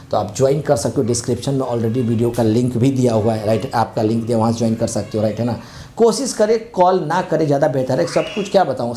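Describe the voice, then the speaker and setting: A man's voice: on the high side, darkish tone. A man teaching an online exam-prep lesson in a chatty, conversational way, mixing English words into his Hindi and repeating tag phrases.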